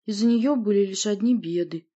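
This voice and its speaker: A woman voicing a gentle young princess who speaks softly and pleadingly in an audiobook. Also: medium pitch, moderate pace, muffled recording, voice pushed up, natural voice. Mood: sad. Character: gentle young princess, sad and soft-spoken. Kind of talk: audiobook character voice.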